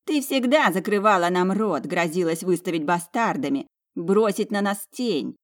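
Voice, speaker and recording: A woman's voice: fairly low pitch, animated, normal speed, natural voice. A woman voicing a spiteful, sneering young noblewoman in an audiobook, taunting her sister.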